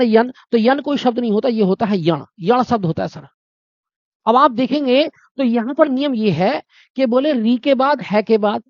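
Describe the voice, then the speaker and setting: A man's voice: extremely high pitch, no room sound, highs cut off. A male teacher giving an exam-prep grammar lesson, repeating answers and quizzing the viewer with rhetorical questions.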